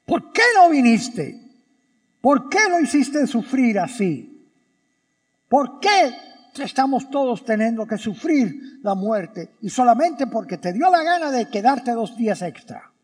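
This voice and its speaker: A man's voice: very high-pitched, big pitch swings, slow, in a large hall, full character voice. A man voicing an indignant grieving woman who fires accusing questions at a friend who came too late.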